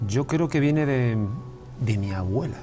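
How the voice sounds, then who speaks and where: In a television studio, a writer from Andalusia, Spain, is interviewed as a guest and speaks casually, often restarting sentences and repeating words. His medium-pitched voice is expressive and unhurried, with music playing in the background.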